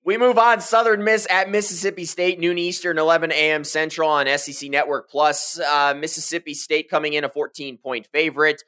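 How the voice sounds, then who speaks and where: Bright, upbeat sports podcast host man. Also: fairly high pitch, steady tone, fairly quick, hardly any pauses, smooth.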